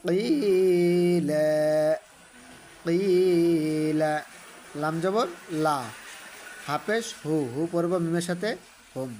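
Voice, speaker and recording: Fairly high-pitched and expressive, a man teaches Quran reading patiently and measuredly over slight background noise. First he names each letter and vowel sign singly; next he stretches the joined syllables into a sung recitation.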